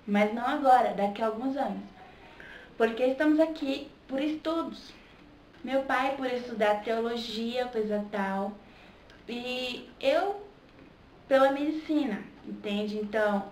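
A woman's voice: on the high side, a little slow, darkish tone, slight background noise. A young woman from Salvador with a Bahian accent, chatting casually in a home vlog and often checking in with "sabe?". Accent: Bahian Brazilian Portuguese. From Salvador, Bahia, Brazil. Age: young adult. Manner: chatty, keeps adding "sabe?" to her points. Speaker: vlogger. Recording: echoey room with faint ambience.

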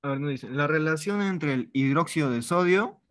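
Slightly high and fairly bright in tone, this man's voice is expressive and moves at a normal speed, recorded cleanly in a studio with no echo. He's from Peru, teaching an online chemistry review informally and repeating words while writing out problems on the board.

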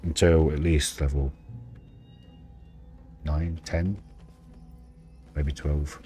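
A man doing a video game playthrough, reading text aloud and commenting in an unhurried, low-key way. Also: level tone, mellow. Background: game music.

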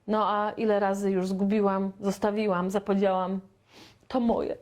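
A woman from Poland teaching a beginner English lesson, chatty and playful, stretching out her model sentences very slowly. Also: medium pitch, level tone, a little mellow. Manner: slow, deliberate, with very drawn-out model sentences; chatty and playful, with sound effects.

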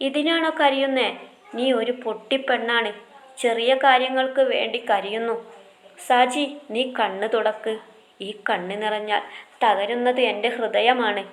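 A woman's voice: fairly high pitch, steady tone, unhurried, echoey room, close to an everyday voice. A woman voicing a kind, loving young husband, reading a story aloud. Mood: tender. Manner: tender, reassuring.

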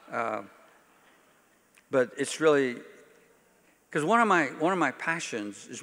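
An older male pastor with a mid-range, sharp-toned voice leads a workshop, giving an informal church teaching talk sprinkled with folksy, dry-humoured asides. He addresses a conference audience in a large hall, and the recording carries a long, reverberant echo.

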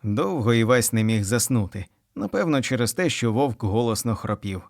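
A man narrating a children's story in a steady storytelling manner. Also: medium pitch, moderate pace, gravelly, dry recording, studio quality. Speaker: audiobook narrator.

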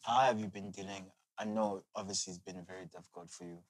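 A man in his thirties hosting a casual interview in a gentle, hesitant way. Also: sits low, flat delivery, quick pace. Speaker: podcast host. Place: indoor lounge-style podcast set. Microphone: podcast microphone on a boom arm.

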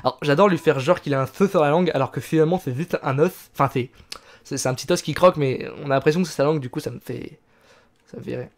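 A man's voice: a little high, fast. A man streaming a video game, joking casually with his chat and reading it aloud. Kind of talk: casual gameplay commentary.

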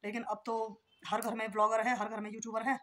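A woman's voice: a little high, flat delivery, brisk, a bit bright. A woman in her thirties vlogging casually about her day at home, talking on with many fillers and a cough she mentions. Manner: chatty, rambling with many fillers. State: coughing, sore throat. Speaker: vlogger and mother. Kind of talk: casual daily vlog chat.

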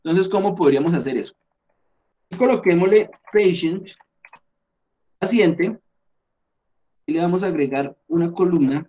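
Speaking Spanish in an online lesson, a high-voiced man teaches English at a moderate pace with long pauses; his tone is mellow and the audio dull. He explains patiently step by step, checks in often, and thinks aloud, correcting himself as he edits on screen.

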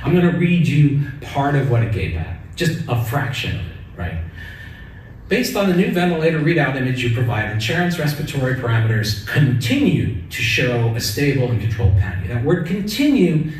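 A man's voice: medium pitch, sing-song, normal speed. Middle-aged male keynote speaker, personal and earnest, distant echoey hall recording with faint noise. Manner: personal, earnest, tag questions "right?". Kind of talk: conference keynote talk. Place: large conference hall, at a lectern. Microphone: lectern mic, recorded from the audience.

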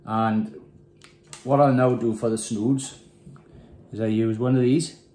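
At a desk in a small room with windows, a Welshman in his thirties demonstrates a fishing rig, talking calmly and plainly as he ties knots. His medium-pitched voice is slow, and the phone camera on the desk picks up an echoey room in this casual step-by-step tutorial.

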